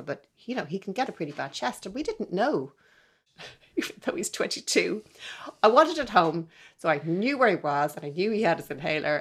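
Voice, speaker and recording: A middle-aged woman, a violinist guest talking earnestly and reflectively in an interview, sometimes dropping to a near-whisper. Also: sits low. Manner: earnest, wondering, trails into soft near-whispers.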